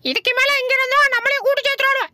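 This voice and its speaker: A woman doing mischievous comic mind-voice dubbing over animal clips. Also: flat delivery. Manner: squeaky, mischievous, fast comic banter. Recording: loud background noise.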